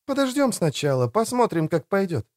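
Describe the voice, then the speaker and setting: A man voicing a quiet, wary young female exile, in a storybook reading. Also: sits high, very animated, normal speed, no echo, clean studio sound, voice pushed up. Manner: quiet, whispering.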